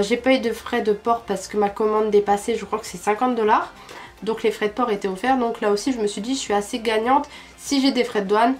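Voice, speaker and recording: Chatty young French-speaking beauty vlogger. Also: female voice, fairly high pitch. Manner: chatty, frequent "euh" fillers. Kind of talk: casual product review.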